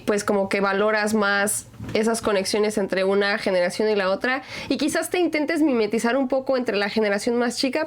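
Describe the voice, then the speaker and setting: A young adult woman from Mexico, hosting a podcast and chatting reflectively in a neutral Mexican accent, with many fillers. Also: mid-range voice. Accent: neutral Mexican Spanish. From Mexico (Aguascalientes). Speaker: podcast host. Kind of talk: casual conversation.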